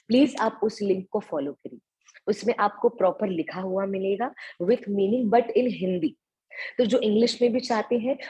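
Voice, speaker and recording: An Indian woman teaching an online devotional class, chanting verses slowly and breaking words into syllables so students can copy the pronunciation, with English words mixed in. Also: medium pitch, a little mellow, slightly rough, low-quality recording.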